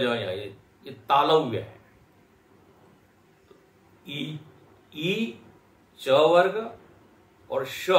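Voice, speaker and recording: A man teaching a lecture class, explaining slowly and patiently and sounding out syllables one by one. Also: mid-range voice, a bit bright. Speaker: Vedanta teacher. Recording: echoey lecture hall.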